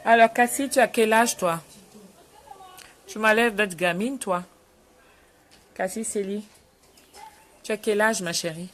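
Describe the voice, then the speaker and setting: A woman's voice: mid-range voice, a little slow, long pauses. Chatty woman hosting a live stream. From Cameroon. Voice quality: lively, greets viewers by name, chatty. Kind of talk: casual live chat reading viewer comments.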